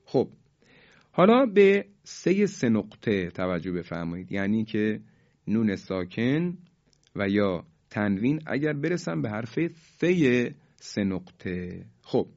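A man teaching a Quran recitation lesson, formal and polite, stretching out each example word slowly. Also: fairly low pitch, sing-song, darkish tone. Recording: dull lo-fi recording.

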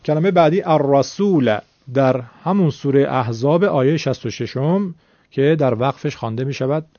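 A man's voice: mid-range voice, mellow, no echo. A man teaching a recitation lesson, explaining the rules patiently and repeating words so learners can follow. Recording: dull lo-fi sound.

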